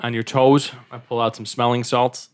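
A man with a medium-pitched voice plays a tabletop game. He talks casually and haltingly as he works out what his character does. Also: flat delivery, smooth.

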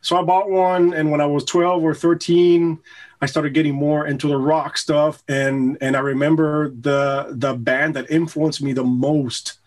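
A man from Puerto Rico, a guest guitarist, telling stories in a relaxed, casual way with frequent fillers. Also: on the high side, measured pace. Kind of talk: casual interview chat.

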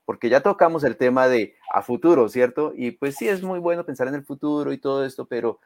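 As an interview guest, a Spanish-speaking man championing a community health program explains his points conversationally and with emphasis, frequently checking in with rhetorical questions. His medium-pitched voice has a darkish tone, moves fairly quickly, and carries no echo.

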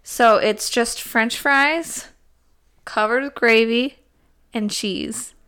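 A woman co-hosts a podcast in easygoing chat, wandering through her thoughts with plenty of fillers. Her voice is smooth and clear and sits a little high. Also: slow pace, pushed and bright. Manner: chatty, rambling with fillers. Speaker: podcast co-host. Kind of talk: casual chat.

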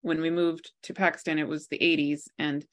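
Low-voiced woman in her forties. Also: flat delivery, brisk. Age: 40s. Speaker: guest, author and healer. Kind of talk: interview.

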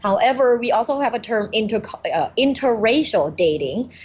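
A woman's voice: fairly high pitch, expressive, moderate pace, a little mellow, husky. A cheerful woman from Thailand talks as a podcast guest and professor, laughing easily and explaining her ideas step by step. Her voice comes through a dull, lo-fi recording. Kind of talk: interview podcast. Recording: dull lo-fi sound.

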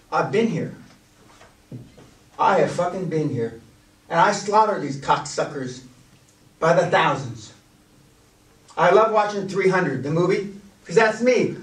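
A man in his sixties leading a business coaching seminar, blunt and profane, telling animated stories to a room. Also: high voice, recorded from a distance. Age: 60s. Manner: blunt, swearing, animated storyteller. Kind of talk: profane motivational seminar talk. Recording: echoey room heard from afar.

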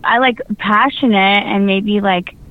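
A woman's voice: medium pitch, fairly even intonation, unhurried. A woman calling in to a radio show, chatting casually in a girlish, rambling way peppered with "like". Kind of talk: casual chat. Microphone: phone call into studio. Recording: dull, band-limited call-in line.

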